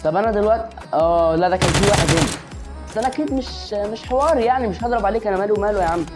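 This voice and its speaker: A woman with an Egyptian Arabic accent commentates a shooter game in a rapid, excitable stream. Her voice sits at a middling pitch, and game music and gunfire run behind her. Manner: excitable, chatty, talks straight to the viewer. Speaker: gaming channel host.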